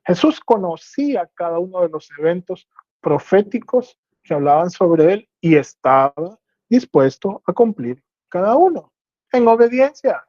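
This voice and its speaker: Explaining step by step, this Bible teacher gives a teaching sermon in a warm, sing-song mid-range voice at a measured pace, checking comprehension through rhetorical questions. There's no echo, and the recording is dull, dry, and lo-fi.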